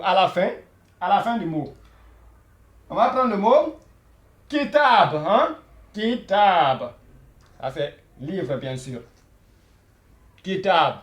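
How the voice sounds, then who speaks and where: A man's voice: high-pitched, very animated, unhurried, roomy sound. A man teaching a beginner Arabic lesson, patient, repeating each word many times and checking in with listeners.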